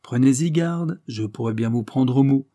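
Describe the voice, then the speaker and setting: A man's voice: medium pitch, normal speed, dark tone, no room sound, studio quality, pitched above the performer's own voice, lightly acted. A man voicing a teasing, haughty aristocratic princess in an audiobook reading. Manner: mocking, teasing.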